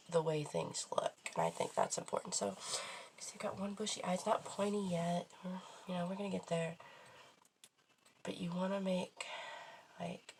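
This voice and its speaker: A woman's voice: on the low side, creaky, darkish tone, a little hiss or hum. A woman talking casually through a makeup tutorial in a rambling, self-deprecating, sweary way. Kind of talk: casual chatty tutorial talk while applying makeup.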